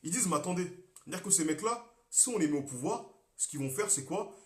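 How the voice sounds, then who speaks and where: A young Congolese man, a political activist, talking on a live stream with passion, repeating himself and swinging between loud and quiet. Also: high voice, lively intonation, quick pace, roomy sound. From Congo (DRC). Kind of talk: monologue on a Facebook live stream.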